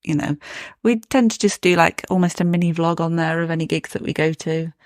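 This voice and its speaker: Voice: mid-range voice, fairly even intonation, brisk, dry recording, clean studio sound. A podcast co-host chatting casually about their show and music news, laughing often. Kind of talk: casual chat.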